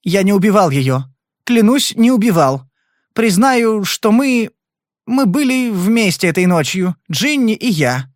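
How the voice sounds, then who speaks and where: A weary husband pleading his innocence and owning his guilt, voiced by a man reading aloud. The voice is fairly high and moves around a lot in pitch. It sounds close and dry. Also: sing-song, unhurried, no echo. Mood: remorseful. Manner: pleading, remorseful.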